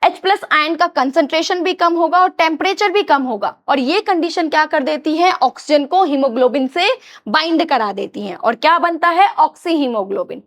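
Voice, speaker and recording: A woman with a high, bright voice teaches a biology class with an Indian accent. She keeps asking her students questions and then answers them herself, calling them "children". Her explanations are patient and repeat the same points. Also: animated, moderate pace. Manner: often addresses students as children. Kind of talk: classroom lecture.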